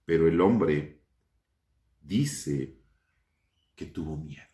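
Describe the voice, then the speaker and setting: A male pastor delivers a Sunday sermon, his voice rising and falling with lively inflection. He keeps turning to his listeners with questions and calls them brothers. The recording sounds roomy and echoey. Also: rumbling low, very slow. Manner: asks the congregation questions, addresses them as brothers.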